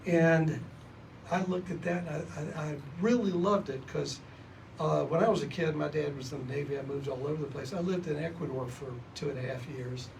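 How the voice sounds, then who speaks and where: A man hosting an event, introducing a guest speaker in a loose, halting way with many fillers. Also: a little high, fairly even intonation, vocal fry, a little mellow. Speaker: event host. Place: library meeting room. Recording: distant mic with noisy room.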